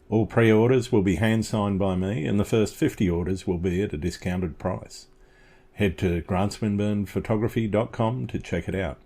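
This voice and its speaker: A man hosts a podcast, reading a steady intro and then chatting with a guest, saying "uh" often. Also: fairly low pitch. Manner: friendly, steady, says "uh" often. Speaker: podcast host.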